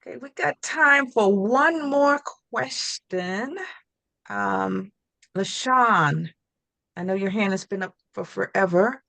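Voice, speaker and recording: Gravelly woman moderator. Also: medium pitch, slow pace, bright, forceful tone. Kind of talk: moderating webinar.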